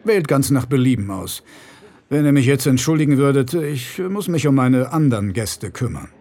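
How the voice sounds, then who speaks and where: A man voicing a big, powerful rich man who speaks in a booming, gruff and coldly courteous manner. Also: lively intonation, normal speed, mellow, natural voice.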